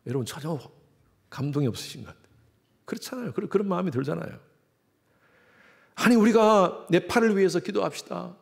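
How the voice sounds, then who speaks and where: Lively Korean pastor preaching a sermon. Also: male voice, high-pitched, brisk, creaky, pauses often. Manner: lively preaching, acting out quoted voices; asks the congregation questions. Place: church sanctuary.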